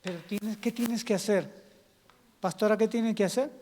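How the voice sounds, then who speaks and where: A male pastor preaches conversationally, slipping into acted-out scenes. His voice sits high for a man, and it rings out with a long church-hall echo. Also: steady tone, normal speed, warm tone, a little hiss or hum. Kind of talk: sermon.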